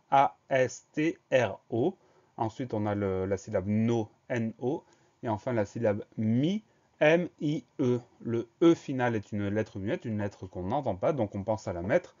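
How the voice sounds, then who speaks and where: A man teaching a spelling lesson, slow and careful, breaking words into syllables and spelling them letter by letter. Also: medium pitch, darkish tone, muffled recording.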